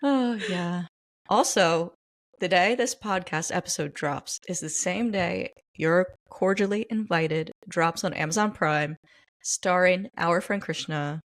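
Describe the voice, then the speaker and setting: A woman's voice: on the low side, a little slow. A young woman co-hosting a casual podcast, wry and steering the conversation along. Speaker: podcast co-host. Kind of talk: casual chat.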